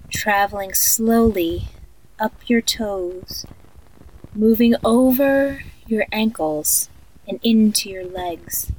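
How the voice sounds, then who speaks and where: In a horror audio story, a female performer plays an eerie woman narrating a guided sleep meditation. Her mid-pitched voice is very slow and soft like a sleep story narrator's, soothing yet haunting, on a rough recording.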